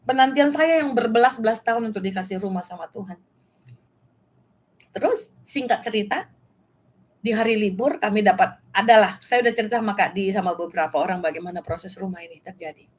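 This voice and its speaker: A middle-aged woman with an Indonesian accent, preaching a testimony sermon in an animated storytelling way and mixing in English phrases. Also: medium pitch, a little fast.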